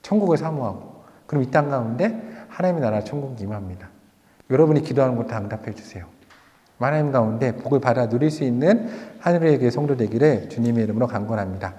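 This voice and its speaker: A male pastor preaching a sermon, telling a personal story with lively rhetorical questions, then leading a prayer. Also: medium pitch, fast talker, in a large hall. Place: church sanctuary.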